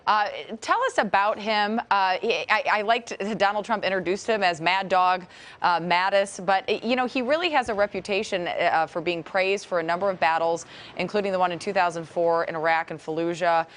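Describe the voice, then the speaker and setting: A woman's voice: fairly low pitch, normal speed, fairly bright tone. An American woman anchoring a live news interview, asking questions in a conversational, somewhat hesitant way.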